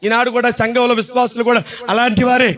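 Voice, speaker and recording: A man preaching a sermon as pastor, full of rhetorical questions and repeated phrases that swell into shouted, sung-out climaxes. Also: extremely high pitch, little pitch movement, fast talker.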